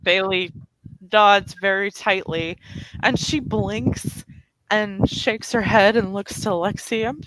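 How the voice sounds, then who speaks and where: A player describing a character's actions in a tabletop game, wry and unhurried. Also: mid-range voice, a bit bright, rough recording.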